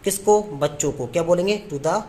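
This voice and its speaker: A man's voice: high voice, warm tone. A male tutor walks through grammar one step at a time, putting questions to the class and answering them himself. He drags out each example sentence word by word. A faint hiss sits under his voice. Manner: repetitive question-and-answer teaching, slows down to spell out English phrases. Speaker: English teacher. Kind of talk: classroom lesson in Hindi.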